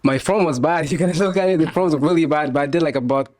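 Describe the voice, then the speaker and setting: A young man from Tanzania talks fast in a slightly high voice, easygoing as a podcast guest in a casual interview. Frequent laughs and many "you know" fillers mark his speech, captured in a dry recording.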